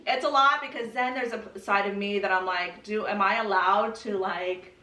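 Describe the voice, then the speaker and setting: This podcast guest, a young Californian woman from the United States, shares her personal story casually and candidly, sprinkling in curse words, "like" and "you know". She talks at a moderate pace in a pushed, bright mid-range voice with fairly even intonation. There's a little hiss or hum, a roomy echo, and she's far from the microphone.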